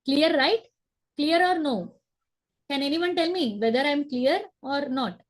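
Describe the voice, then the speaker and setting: This online biology class is led by a young woman at home, talking into a laptop webcam during a video call, and the audio quality is poor. In her fairly high voice, she walks through each step slowly, repeats important terms, and asks her students to confirm they understand.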